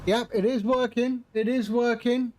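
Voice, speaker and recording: A man's voice: very high voice, steady tone, unhurried, a little mellow. A man giving casual, chatty live commentary as a flight sim streamer. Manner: chatty, greets viewers while narrating flying.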